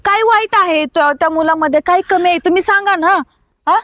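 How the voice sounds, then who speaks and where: A woman playing a nagging, high-voiced sister-in-law. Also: fairly quick, a bit bright, no room sound, clean studio sound. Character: bustling sister-in-law preparing the wedding.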